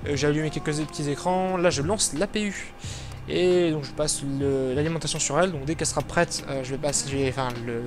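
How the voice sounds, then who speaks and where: A man's voice: on the high side, steady tone, brisk. A man from France with a French accent, casually commenting on his flight sim game and rambling with lots of fillers and self-corrections, recorded on a desktop mic over background music. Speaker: flight sim video host. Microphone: desktop microphone.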